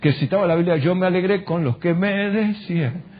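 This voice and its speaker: Man, Argentine Spanish accent, pastor preaching a sermon, rhetorical questions, loud peaks and soft prayerful drops, slightly high voice, dull muffled recording. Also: a little fast. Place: church.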